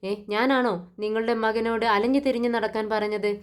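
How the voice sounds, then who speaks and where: A woman voicing a defiant young wife who answers back with sharp, accusing questions. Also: a little high, steady tone, a little fast, clear, resonant tone, close to an everyday voice.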